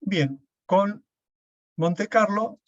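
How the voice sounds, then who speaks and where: A man's voice: high-pitched, lively intonation, very slow, dry recording. A man, lecturing an online class, explaining step by step and often checking with "¿sí?". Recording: dull, dry lo-fi sound.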